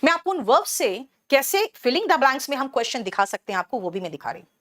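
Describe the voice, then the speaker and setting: A woman from Bihar teaching English words in a live online class, briskly and in a motherly way, switching to English terms and answering students' questions as she goes. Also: high-pitched, big pitch swings, fairly bright tone, no room sound, clean studio sound. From Bihar, India. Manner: explains English words in Hindi, switching between the two.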